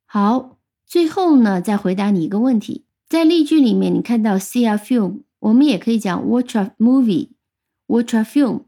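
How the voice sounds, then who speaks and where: Mellow-voiced woman teaching English words. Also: fairly high pitch, animated, normal speed. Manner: patient, spells out words letter by letter. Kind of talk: vocabulary lesson.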